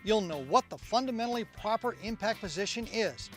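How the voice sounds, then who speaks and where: A man's voice: sits high, lively intonation, a little fast, faint music behind. A man hosting a product infomercial, talking up what he sells. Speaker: infomercial host.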